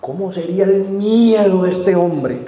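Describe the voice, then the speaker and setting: Male pastor, high mellow voice, earnest sermon, roomy church mic. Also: animated, unhurried. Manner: earnest, addressing the congregation directly; dramatic drops to a hushed voice for quotes. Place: church sanctuary. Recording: echoey church room.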